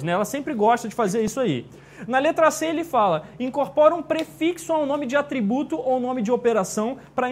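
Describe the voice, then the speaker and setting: A man's voice: very high-pitched, a little hiss or hum. A man teaching a live exam-prep class, chatty and jokey, often checking in with his students.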